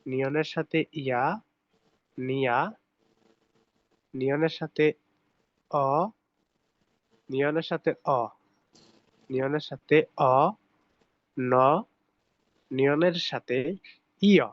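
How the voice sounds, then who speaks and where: A man's voice: mid-range voice, steady tone, slow pace, pauses often, no room sound, muffled recording. A man teaching a language lesson, patiently drilling pronunciation over slides. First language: Bengali.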